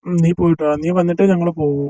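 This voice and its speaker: A man's voice: fairly high pitch, little pitch movement, racing, dark tone, dry recording, close to an everyday voice, poor audio. Man voicing a teasing college senior. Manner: bantering, mock-scolding. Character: teasing young male college senior, joking with friends. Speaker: fan dub voice actor. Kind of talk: amateur dubbed romance drama.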